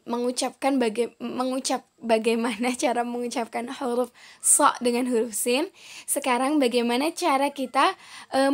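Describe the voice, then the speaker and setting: A woman teaching a recorded online lesson, patiently modeling pronunciation and saying each word twice. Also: high-pitched. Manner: patient, explanatory, addressing students as friends. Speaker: Arabic teacher.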